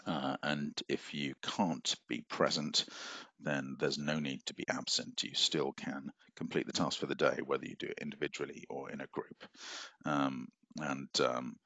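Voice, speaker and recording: A middle-aged man records a university lecture at his office desk over a webcam, screen-sharing as he walks through the syllabus and rambles with many fillers and restarts. His bass voice is level, sharp-toned, and unhurried, with no room sound.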